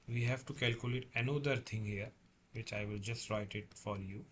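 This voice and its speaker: A man lecturing as a tutor, working through a problem step by step in a halting way, repeating and correcting himself. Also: on the low side, a bit bright, slight background noise. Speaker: engineering tutor.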